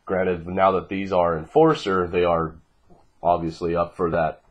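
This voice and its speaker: Recorded indoors in a small living room on a noisy home webcam with clicks, a card game player in his 20s profiles his deck in a relaxed, sweary manner. Congested and groggy from a cold, he speaks low-pitched at a measured pace, with the highs cut off.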